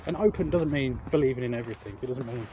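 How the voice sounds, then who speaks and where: Out on urban streets, an English vlogger talks fast in a mid-range voice, chatting casually and ramblingly to his viewers. He is hesitant, repeats words and keeps correcting himself partway through sentences, and the lo-fi outdoor audio carries traffic noise.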